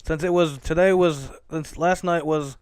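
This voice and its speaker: A man hosts a casual solo podcast, talking loosely with plenty of cursing and mid-sentence self-corrections. His voice sits a bit high for a man and comes across smooth and clear. The sound is dry and close. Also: fairly even intonation, measured pace, darkish tone, dry recording. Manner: rambling, self-correcting and profane. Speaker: podcast host.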